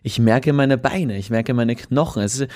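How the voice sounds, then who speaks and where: A man's voice: medium pitch, moderate pace, a little mellow. A man with an Austrian accent co-hosting a podcast in casual chat, rambling and laughing often, on a studio mic. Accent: Austrian German. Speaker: podcast co-host.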